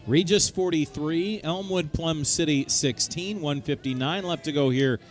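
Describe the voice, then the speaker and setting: A man's voice: fairly high pitch, unhurried, faint music behind. A man calling live American football play-by-play as the game's announcer. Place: outdoors at a football stadium.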